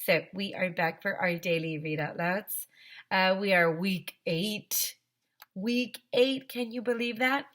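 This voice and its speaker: A teacher reads her students a children's tale slowly, her voice at a medium pitch. She's expressive throughout, with animated stress and occasional remarks aimed right at the kids.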